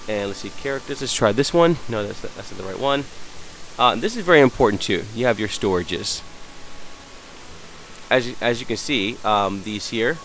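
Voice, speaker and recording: A hungover, sick man giving an unscripted software tutorial, hesitant and apologetic as he searches around. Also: fairly low pitch, normal speed, a little hiss or hum, poor audio. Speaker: tutorial presenter.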